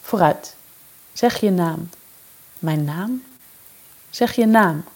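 A woman reading a novel aloud and voicing a calm, firm woman who gives orders in a crisis. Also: lowish voice, drawn-out words, full character voice. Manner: steady, commanding.

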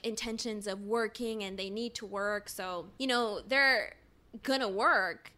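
A woman co-hosting a podcast and recounting an anecdote in a relaxed, conversational way. She leans on "like" and "you know" and slips in short laughs. Her voice is bright and forward at a middle pitch. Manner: chatty, many "like" fillers, laughs between phrases. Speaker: podcast co-host. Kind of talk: casual conversational storytelling.

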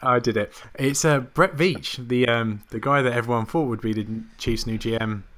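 A man's voice: medium pitch, normal speed, fairly bright tone. A British man co-hosting a casual podcast, joking and laughing. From Britain. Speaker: podcast co-host. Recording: faint noise.

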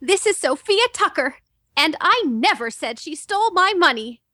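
A woman voicing a proud young woman reporter in a smiling, bright character read. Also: very high-pitched, sing-song, moderate pace, no echo, studio quality, pitched above the performer's own voice, heavily acted.

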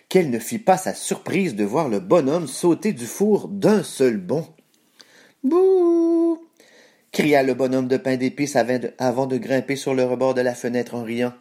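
Using a mid-range voice at a moderate pace, a man narrates a children's story. His delivery is expressive, animated and clearly scripted, in true storytelling fashion.

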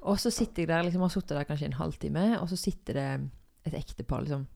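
A young woman with a low-pitched voice and a gravelly, creaky edge. She hosts a relaxed conversation about faith. She tells stories loosely, full of fillers and little restarts. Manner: storytelling with many fillers.

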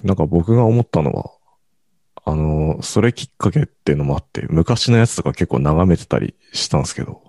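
Brief: male podcast co-host, very low husky voice, mumbly and teasing. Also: animated, brisk, dark tone, dry recording. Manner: mumbling, teasing, laughs often. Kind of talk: casual podcast chat.

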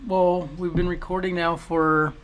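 A young man chats on a casual home podcast. He teases his co-host with quick, playful questions. A faint hiss of noise sits behind his voice. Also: sits high, level tone, a bit bright. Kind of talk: casual chat.

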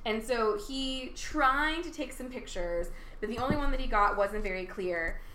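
A woman's voice: a little high, animated, moderate pace, pushed and bright. Rambling woman podcaster in an echoey room. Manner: rambling, many fillers, laughing asides. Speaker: podcast co-host. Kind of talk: casual chat. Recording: echoey room, faint noise.

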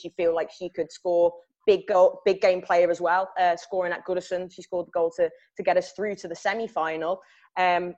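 A woman's voice: fairly low pitch, highs cut off. A woman hosting a club podcast, asking players chatty questions and laughing easily between them. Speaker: podcast host.

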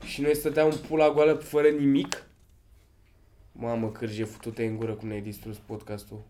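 A man's voice: mid-range voice, completely flat delivery, warm tone, a little hiss or hum. A man co-hosting a podcast in casual chat, swearing a lot and laughing often. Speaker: podcast co-host.

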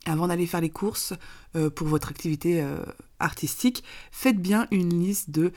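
A woman's slightly low voice, rough and raspy with the hoarseness of a lingering illness. She gives practical advice in vlog style, explaining things step by step and illustrating them with examples. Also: moderate pace, darkish tone. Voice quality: raspy, gravelly voice. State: getting over an illness, hoarse with occasional coughing. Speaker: minimalism coach and author, presenter.

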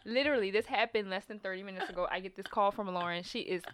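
A young woman, co-hosting a casual podcast and telling stories with animated, swooping delivery. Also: mid-range voice, quick pace, a little hiss or hum. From New Orleans. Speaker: podcast co-host.

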